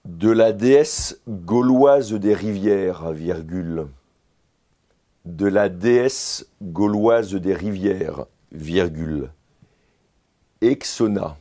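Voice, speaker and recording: A man's voice: sits low, very slow, dark tone. A man playing a candidate in a comic dictation sketch, answering formally and repeating every phrase with its punctuation.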